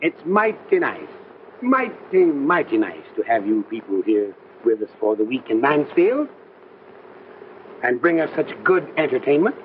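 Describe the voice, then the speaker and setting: Halting, folksy small-town mayor, tinny sound. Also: male voice, mid-range voice, sing-song. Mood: folksy, rambling. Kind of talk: old film drama acting. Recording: tinny, faintly noisy old film soundtrack.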